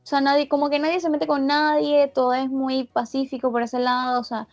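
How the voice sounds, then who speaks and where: Here the same interviewee's high voice stays level and brisk as she rambles through casual chat, full of restarts and fillers. Her Venezuelan Spanish carries a slight Argentine lilt, and faint music sits behind the lo-fi sound.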